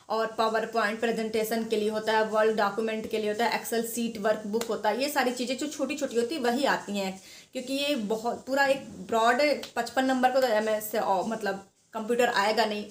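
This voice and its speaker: A woman talks students through exam preparation in a loose, chatty way, circling back and repeating herself. Her voice sits fairly high. The recording carries a noticeable echo of the room. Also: steady tone, brisk. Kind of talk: informal advice talk to students.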